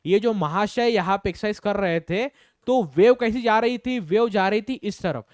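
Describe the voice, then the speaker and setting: A man's voice: sits high, clear, resonant tone, no room sound, studio quality. A man teaching a physics class online, asking and answering his own questions and repeating key points. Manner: counts out rhythms aloud.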